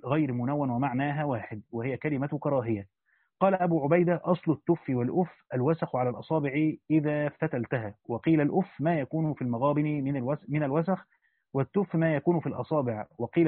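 An Egyptian-accented man reads a classical commentary quickly, then drops into casual spoken asides to explain it. His voice sits a little high. The recording is dry and tinny, like a phone line. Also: dry recording. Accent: Egyptian Arabic. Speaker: Quran commentary reader and teacher.

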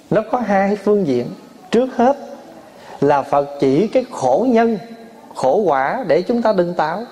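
A man delivers a Buddhist dharma talk, his voice sitting a little higher than most men's. He weaves homely stories into the teaching and slips into the voices of quarreling family members, laughing as he goes. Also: dark tone, a little hiss or hum. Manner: storytelling, acts out family quarrels, laughs often. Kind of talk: sermon.

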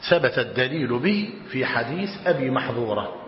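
A man with an Egyptian accent teaching a religious lesson, slowly dictating and repeating each phrase and quizzing his students. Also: mid-range voice, big pitch swings. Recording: dull roomy hall recording, faint hiss.

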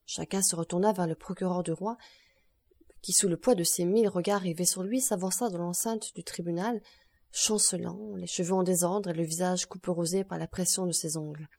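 Audiobook narrator, woman, mellow, measured literary reading. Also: lowish voice, fairly even intonation.

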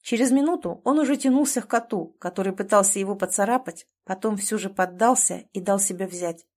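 A woman's voice: medium pitch, a little fast, darkish tone. Woman reading an audiobook. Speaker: audiobook narrator. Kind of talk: scripted audiobook narration.

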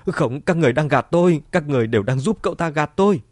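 A man's voice: mid-range voice, animated, fairly quick, a little mellow, no room sound, clean studio sound. A man voicing a desperate middle-aged wife who pleads and shrieks in a raised voice. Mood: hysterical.

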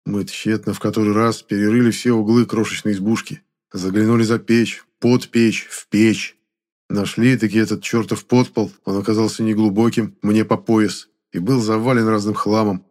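A man narrating a first-person story with a steady, even reading. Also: fairly low pitch, normal speed. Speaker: audiobook narrator.

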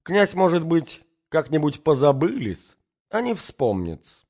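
A man's voice: on the high side, very animated, unhurried, a little mellow, voice pushed up. A man voicing a sly society lady who speaks in an insinuating hiss, in a dull lo-fi recording. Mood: soothing. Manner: hissing, insinuating.

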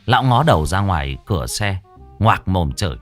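A man's voice: sits low, big pitch swings, normal speed, faint music behind. A man narrating a story in a vivid, earthy way.

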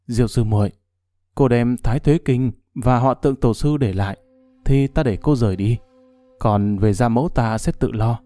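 A man voicing a composed, gentle but firm young swordswoman in a storybook reading, speaking softly and evenly in a dry tone. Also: medium pitch, expressive, measured pace, dry recording, faint music behind.

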